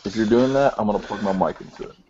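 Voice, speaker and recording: A man from Kentucky co-hosts a podcast in a lowish voice, tossing in dry, teasing jokes. A faint hiss of noise sits under his recording. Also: fast talker, muffled recording. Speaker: podcast co-host. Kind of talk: casual podcast chat.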